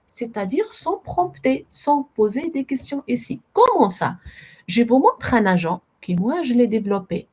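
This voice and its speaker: Woman webinar trainer, slightly high and husky, accented French, live demo with typing. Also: darkish tone. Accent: non-native French. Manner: explanatory, addresses audience as friends, self-corrects.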